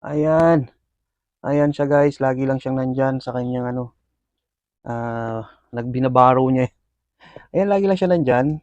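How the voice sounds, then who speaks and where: A man's voice: medium pitch, measured pace, pauses often, no echo, highs cut off. A man, chatting casually to his viewers while he feeds his pet scorpions and calls the action. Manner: excited play-by-play with frequent fillers, addressing viewers. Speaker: pet scorpion keeper and video host. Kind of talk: casual commentary while feeding pets.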